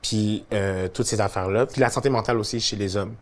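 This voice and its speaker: A young man, a musician guest, talks fairly quickly in a voice on the low side, with a Quebec French accent. The conversation about his career is casual, relaxed and reflective, peppered with fillers.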